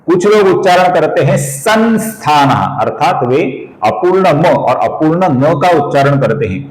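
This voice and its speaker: A man teaching Sanskrit chant pronunciation in a video lesson. He addresses the viewers as friends and patiently slows down to spell out each syllable. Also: a little high, a little mellow, roomy sound, rough recording.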